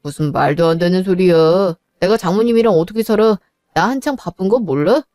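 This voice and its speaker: A woman's voice: fairly low pitch, a little fast, dark tone, no echo, studio quality, voice pushed down, natural voice. A woman doing a cold, dismissive husband. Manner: curt, dismissive. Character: cold selfish middle-aged husband. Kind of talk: narrated drama voice acting.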